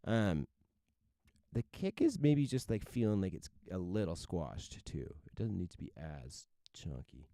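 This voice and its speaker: A man's voice: low-pitched, very animated, a little slow, creaky, warm tone, no room sound, studio quality. A man who produces music, giving loose, chatty feedback on a livestream. He swears now and then and stumbles over his words. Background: faint electronic music playing.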